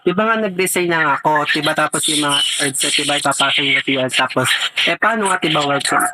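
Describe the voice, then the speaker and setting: A Filipino vlogger makes a prank phone call, chatting in a playful, rambling way packed with vague filler words. His voice is on the high side, fast and sharp, captured on a low-quality recording.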